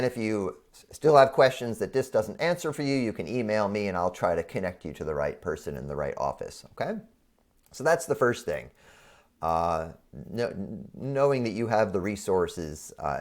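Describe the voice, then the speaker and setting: Guy professor walking students thru a screen, kinda low voice, sick w a frog in his throat, bit halting. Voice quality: froggy, congested throat. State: under the weather with a frog in the throat. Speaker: college professor. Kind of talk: explanatory screen-share walkthrough for online students.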